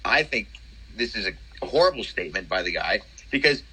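A young man co-hosting a casual podcast, opinionated and quick to agree, with plenty of fillers. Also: fairly low pitch, expressive, pushed and bright, husky, poor audio. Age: young adult. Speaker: podcast co-host. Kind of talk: casual chat.

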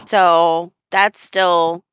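A woman's voice: lowish voice, flat delivery, extremely slow, a bit bright, clean tone, no echo. A woman from Florida with a slight Southern drawl, hosting a casual podcast chat, rambling with fillers and frequent laughter. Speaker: podcast host. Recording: dull lo-fi dry sound.

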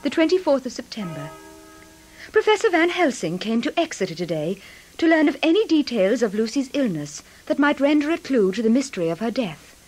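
A woman's voice: sits high, very animated, brisk, darkish tone, husky, faint music behind, exaggerated voice, poor audio. An anxious young wife narrating her diary.

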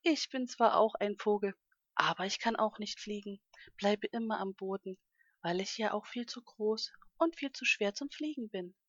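A woman's voice: mid-range voice, normal speed, no room sound, lightly acted. Kindly storybook ostrich, patient and reassuring, read by a woman; dull, dry recording. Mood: explaining. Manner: gentle, explaining, reassuring. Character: big friendly male ostrich, calm and kindly.

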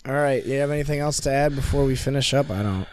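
A man's voice: medium pitch, quick pace, darkish tone, a little hiss or hum. A young adult man co-hosting a podcast, speaking in brief, dry casual replies. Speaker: podcast co-host. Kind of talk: casual chat.

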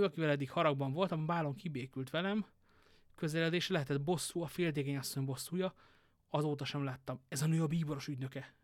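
Man doing a proud duke, loud and commanding, passionate, storybook read, dry close sound. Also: fairly high pitch, no echo, natural voice. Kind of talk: audiobook reading.

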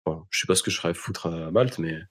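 A man's voice: low voice, rapid-fire. A young man from France talking casually as an interview guest, in an informal, slangy way with emphatic repetition. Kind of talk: casual conversation.

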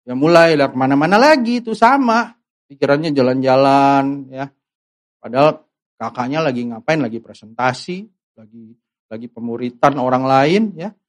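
A man with an expressive, mid-range voice preaches a relaxed, conversational sermon at a moderate pace. He questions his listeners directly and acts out the voices of worried believers.

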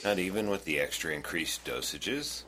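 An actor playing a calm male doctor in charge, asking measured, probing questions in an audio drama. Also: low-pitched.

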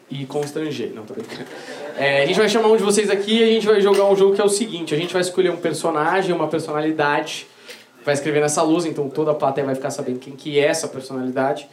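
A man's voice: on the high side, fast talker, a crowd in the background. A man hosting a live comedy game, teasing audience members with banter. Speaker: comedy show host. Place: comedy club stage. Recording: echoey club with audience. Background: audience laughter.

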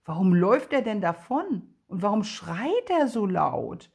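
Eine Frau spricht einen blassen, freundlichen und neugierigen Vampirjungen mit hoher Stimme. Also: female voice, very animated, measured pace, vocal fry, a little mellow, breathy edge, full character voice. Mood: friendly. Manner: high, friendly and curious. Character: pale, friendly, curious vampire boy.

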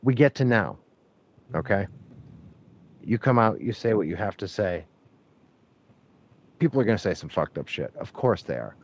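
A man hosting a podcast who explains his point deliberately, step by step, in casual talk. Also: fairly low pitch, sing-song, husky. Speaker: podcast host. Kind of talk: casual conversation.

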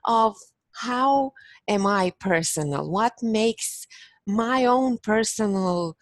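A woman from Romania chats as a podcast guest, working through her ideas slowly with frequent restarts. Her voice sits at an ordinary middle pitch. The recording is dry and close, with no room sound. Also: animated, no echo. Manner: thoughtful, many restarts and fillers. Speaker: podcast guest, business owner. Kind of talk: casual interview chat.

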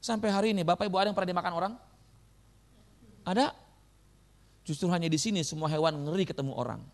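A man preaching a sermon as pastor, lively and joking with his congregation in a church. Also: high-pitched, quick pace.

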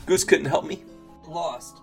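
A man's voice: sits high, huge pitch swings, moderate pace, pushed and bright, faint music behind. A man hosting a vlog, telling a comic story in an exaggerated, dramatic way with big swings in his delivery. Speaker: vlog host.

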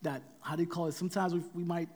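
A man preaching a sermon in a conversational, halting manner, often repeating phrases and adding fillers as he reads scripture. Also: fairly high pitch, little pitch movement, darkish tone, in a large hall.

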